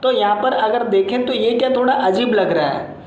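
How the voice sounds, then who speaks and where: A woman teacher explaining a lesson step by step and slowly repeating example sentences. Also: on the high side, a little mellow. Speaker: English teacher. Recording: echoey room.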